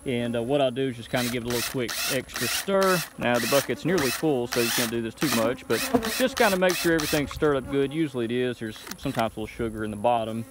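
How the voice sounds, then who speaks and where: A man's voice: medium pitch, quick pace, few pauses. A man in his thirties, a beekeeper, talking through his work step by step in a casual how-to vlog. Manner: relaxed, explaining step by step. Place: outdoor bee yard. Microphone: phone camera held while working. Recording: outdoor noise with buzzing bees. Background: insects buzzing outdoors.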